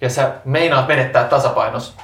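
A man's voice: medium pitch, creaky. Man narrating as game master. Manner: dramatic storytelling with hesitant fillers. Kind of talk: narrating a tabletop role-playing game. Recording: roomy, distant mic, faint noise.

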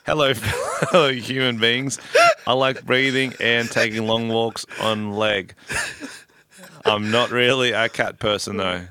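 A man voicing a non-human creature that stiffly fakes being human, in a slow, loud, over-formal voice. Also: medium pitch, steady tone, clean tone. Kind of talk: reading a joke dating profile aloud.

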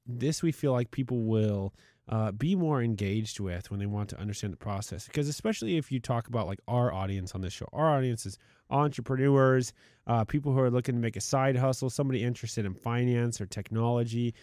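A man co-hosting a podcast in an indoor studio, chatting casually at a middle pitch. He talks in long animated runs and jumps up high to mock clickbait. The sound is dry and close. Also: fairly quick, no room sound. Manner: animated, mocks clickbait in high put-on voices. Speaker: podcast co-host.

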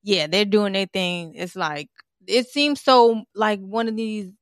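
A woman in her forties from Tennessee, USA, hosts a casual interview in a mid-range voice, speaking slowly in clean, echo-free studio sound. She rambles loosely and leans on fillers like "you know" and "like."

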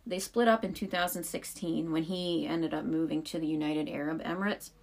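Woman, young, podcast co-host, casual storytelling, vocal fry, lowish voice. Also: fairly even intonation, fairly quick. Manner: chatty storyteller, frequent "like" fillers. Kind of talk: casual chat.

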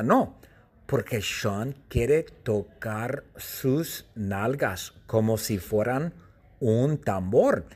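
Guy reading out a goofy story real slow for learners, breathy voice, pitch bouncing all over. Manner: animated and playful, with frequent jumps in pitch. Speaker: language teacher telling a story.

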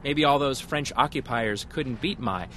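A man's voice: medium pitch, measured pace, fairly bright tone, slight background noise. A man reporting for public radio, moving between scripted feature narration and field interviews.

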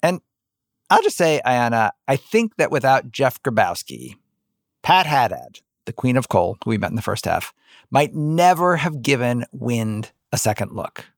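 Gravelly-voiced male podcast host. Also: mid-range voice, sing-song, a little slow, no echo, clean studio sound. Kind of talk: conversational narrated storytelling.

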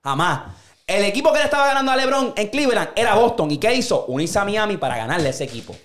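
A man hosting a podcast, arguing loudly and repeating himself in a casual sports debate. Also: high voice, big pitch swings, fast talker. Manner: loud, argumentative, repeats himself. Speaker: podcast host.

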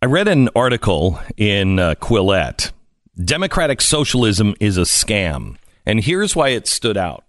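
Male radio host, lowish voice, dry close studio mic, conversational with fillers. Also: sing-song, measured pace, no room sound. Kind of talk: talk radio interview.

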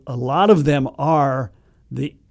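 A man's voice: medium pitch, slow pace, vocal fry. An American man chatting casually as co-host of a shopping deals show. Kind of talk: casual co-hosted chat.

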